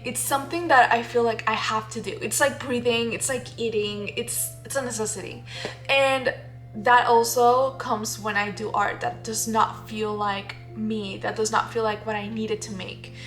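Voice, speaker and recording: With light music in the background, a young Dominican woman shares her painting process in a casual vlog, speaking candidly and laughing a lot. She talks at normal speed in a steady, fairly bright voice on the high side.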